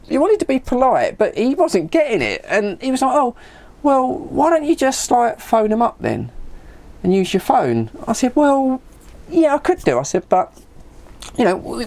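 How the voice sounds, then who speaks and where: Sounding like a hobby vlogger, this British man in middle age tells stories in a relaxed, chatty style. He plays every role in the conversations he recalls, frequently repeats words, and keeps his pitch moving in an animated way.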